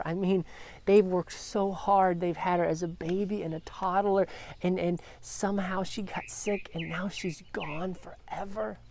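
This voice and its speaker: Woman doing a devotional bible story, kinda low voice, earnest, acts out the quotes. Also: darkish tone, slight background noise. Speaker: devotional speaker.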